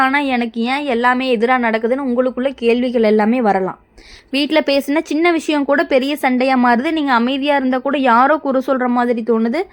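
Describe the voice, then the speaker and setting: A woman presenting a horoscope in a reassuring, scripted way, speaking straight to the listener. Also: high-pitched. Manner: reassuring, repetitive, direct address to listener. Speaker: astrology presenter.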